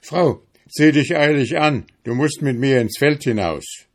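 A man's voice: mid-range voice, animated, measured pace, voice pushed up. A man voicing a crafty, bossy male hedgehog in a fairy tale. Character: sly, gruff male hedgehog.

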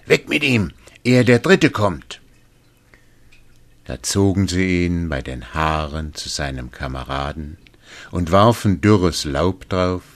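A male storyteller reads a fairy tale aloud. His voice is very low and his pace unhurried and deliberate. He shapes the story with expressive delivery.

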